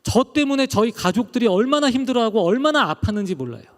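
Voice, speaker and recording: A man's voice: extremely high pitch, very animated, fast talker, big-room sound. A middle-aged male pastor giving an emotional testimony sermon, his delivery rising and falling.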